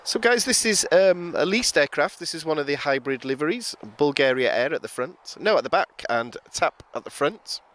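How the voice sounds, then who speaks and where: A man with a hoarse, gravelly voice giving chatty live commentary on planes from outdoors at an airport, often calling his viewers guys. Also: fairly high pitch, animated, moderate pace, hardly any pauses, a bit bright.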